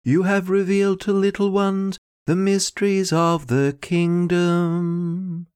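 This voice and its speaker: Priest guy singing liturgy slow and high, big cathedral echo, sounds far off. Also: flat delivery, a little mellow, clean tone. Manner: slow sung chant, raised high above his speaking voice. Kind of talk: chanting liturgy.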